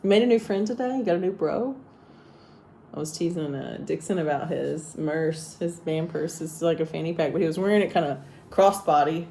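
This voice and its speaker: A woman's voice: sits low, moderate pace, vocal fry, warm tone, a little hiss or hum. A woman vlogging in casual chat, rambling and teasing as she talks about her day. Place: hotel room abroad.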